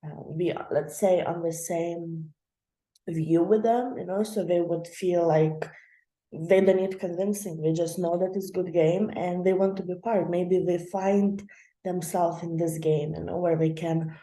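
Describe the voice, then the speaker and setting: A young adult woman hosts her channel from an echoey room, giving a casual explainer in a chatty, loose way full of fillers and laughs. Her voice is fairly low, steady, unhurried and dark.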